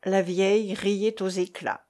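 A woman reading a classic novel aloud as audiobook narration, in a measured, expressive way. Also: mid-range voice. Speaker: audiobook reader.

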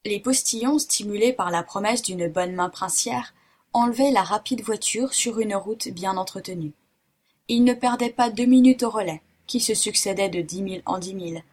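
A woman reading a classic adventure novel aloud in a measured, steady way. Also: medium pitch. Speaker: audiobook narrator. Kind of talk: scripted narration.

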